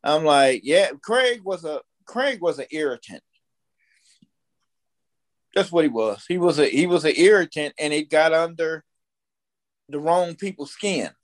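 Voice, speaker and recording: A podcast guest, an American in his fifties, shares stories in relaxed conversation, voicing blunt opinions and repeating himself for emphasis. He talks unhurriedly, with long pauses, in a voice on the high side with lively intonation.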